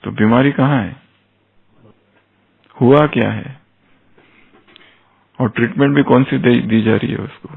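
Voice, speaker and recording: A man with a rough, gravelly edge to his voice delivers an explanatory spiritual talk. He keeps posing rhetorical questions to his listeners and slips English terms into his speech. The sound is thin and tinny, like a phone line. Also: medium pitch, steady tone, unhurried, pauses often. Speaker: spiritual lecturer. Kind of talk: explanatory discourse.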